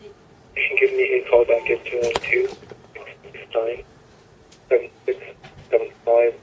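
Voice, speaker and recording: A man's voice: medium pitch, monotone, a little slow. A man leaving a short, polite voicemail, reading out a callback number, played back from a phone. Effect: voicemail played back over a phone speaker. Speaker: caller from an advocate's office. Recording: tinny phone voicemail playback.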